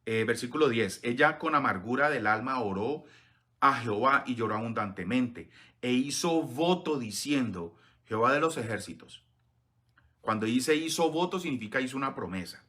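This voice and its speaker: A man preaching a sermon, reading scripture aloud between earnest comments, often pausing on hesitant fillers. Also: mid-range voice, expressive, bright, forceful tone. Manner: earnest, addresses listeners as beloved, frequent hesitant fillers.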